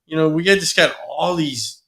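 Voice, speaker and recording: A man's voice: fairly high pitch, moderate pace, creaky, crowd noise. A man co-hosting a casual talk show, rambling and trailing off as he talks. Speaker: podcast co-host. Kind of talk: casual chat.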